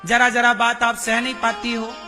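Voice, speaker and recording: A man giving a religious discourse, slowly questioning his listeners and acting out quoted speech. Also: extremely high pitch, completely flat delivery, bright, forceful tone, soft background music. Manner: slow, questioning the audience, acts out quoted speech. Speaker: preacher.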